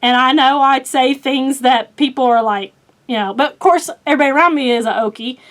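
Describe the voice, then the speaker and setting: Chatty Oklahoma woman with a high voice. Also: brisk, fairly bright tone. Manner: chatty, rambling with many fillers, laughs at herself. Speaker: book vlogger. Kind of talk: casual chat.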